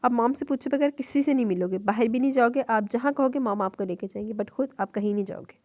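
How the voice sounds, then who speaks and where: A woman reading aloud, voicing a protective young mother who speaks softly to her son and firmly to others. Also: a little high, fast, no echo, natural voice. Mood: coaxing. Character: protective young mother, firm but tender.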